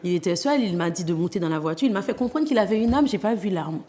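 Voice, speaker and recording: An animated, fast-talking Haitian woman in her thirties gives earnest interview testimony as a guest author, hesitating often and speaking with a Haitian accent. Her mid-range voice is mellow, and she is heard in a large hall.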